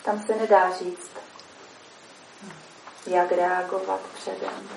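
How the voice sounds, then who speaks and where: Gravelly woman explaining in an echoey room. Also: medium pitch, flat delivery. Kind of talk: calm explanatory talk. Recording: echoey room, mic far off, faint noise.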